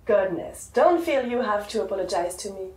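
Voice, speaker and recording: A woman's voice: medium pitch, animated, normal speed, lightly acted. An actress playing a prim, wounded woman who is coldly and sarcastically polite to her boyfriend, in naturalistic film dialogue. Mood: icily polite. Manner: icily polite, passive-aggressive, sarcastic self-pity. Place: living room of a home. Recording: roomy room echo, faint background hum.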